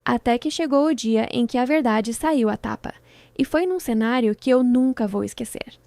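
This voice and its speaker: High-voiced woman narrating a dramatic story. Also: dark tone, no echo. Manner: dramatic, measured delivery in short phrases. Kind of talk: scripted first-person story narration.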